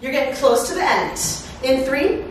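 A middle-aged woman coaching a workout as an energetic, encouraging aerobics instructor, exerting herself as she calls out cues and countdowns. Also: sits high, moderate pace. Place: living room at home, indoors. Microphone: far camera. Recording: echoey room, far microphone, faint noise.

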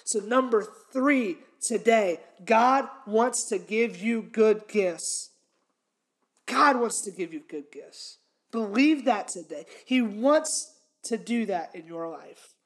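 A young man with a high voice hosts his podcast, preaching on a Bible passage slowly and with lively intonation. Earnest and emphatic, he repeats his key points while a fixed camera frames his head and shoulders in a small room with a red wall.

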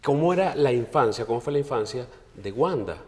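A man's voice: medium pitch, expressive, fairly quick, a little mellow, in a large hall. Eager male interview host. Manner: enthusiastic, eager, interjects short agreements. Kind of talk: interview questions. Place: bright television studio set, indoors. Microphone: lapel mic.

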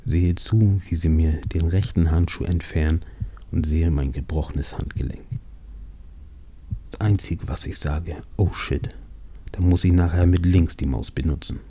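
A man with a very low, dark voice tells a first-person story in halting, dramatic phrases. His tone is husky, and at times it sinks to a hushed whisper. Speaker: narrator of his own accident.

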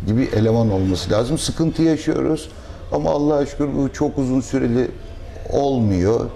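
Man, middle-aged, restaurant owner, measured pauses, mellow tone, faint room noise. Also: medium pitch, vocal fry. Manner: measured, thoughtful, pauses with fillers. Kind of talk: interview answers. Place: fish restaurant dining room.

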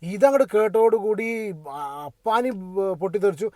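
A man's voice: high voice, normal speed, warm tone, dry recording. A man giving casual, opinionated commentary on a reality show, chatting straight to his viewers and asking what they think. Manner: chatty, addresses viewers directly, asks for their opinion.

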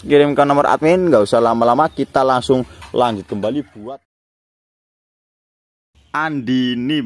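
A man sells plants in a casual pitch. He keeps up a repetitive patter, circling back over names and prices as he presents his stock. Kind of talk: casual live-style sales pitch.

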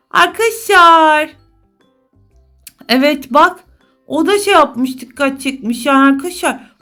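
A woman's voice: high-pitched, a bit bright. A woman hosting a game channel, chatting to her viewers and exclaiming and scolding at what she sees. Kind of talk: gameplay commentary.

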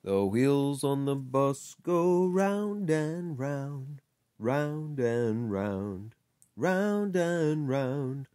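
A storybook reader chanting a picture book in a sing-song voice, stretching the end of each line. The pace is very slow and the voice is mellow and dark. The sound is dry and close. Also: mid-range voice, animated, no echo. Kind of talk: slow sing-along read-aloud.

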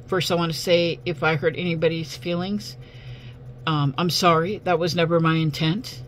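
A woman speaks hoarsely, as if her voice is giving out, over a faint noisy hum. She talks to her online viewers casually, in an earnest and halting manner. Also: lowish voice, fairly even intonation. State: hoarse, losing voice. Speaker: online video host. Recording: faint background hum and noise.

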